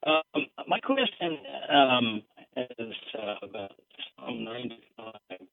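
A man's voice: medium pitch, very animated, slow, gravelly. A man calling in to a radio show, speaking hesitantly with many fillers while his phone line keeps cutting out. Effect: phone line breaking up and cutting out. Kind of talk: call-in question. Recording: tinny, distant phone line.

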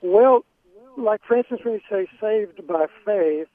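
High-voiced man calling in on a tinny phone line. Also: no room sound. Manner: hesitant, halting, with many ums and restarts. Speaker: caller. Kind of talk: phone-in question.

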